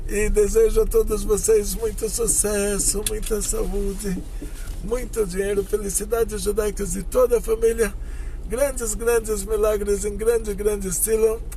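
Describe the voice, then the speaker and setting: A Brazilian rabbi with a Brazilian Portuguese accent, talking casually and patiently from inside a car. His voice sits unusually high for a man, and a faint hum of vehicle noise runs underneath. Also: creaky, warm tone, poor audio. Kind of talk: casual explanatory talk.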